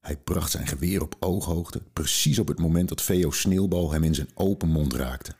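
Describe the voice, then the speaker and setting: A man with an exceptionally deep voice reads a children's book aloud as a podcast host. His delivery is calm and measured. The voice has a husky, slightly breathy grain.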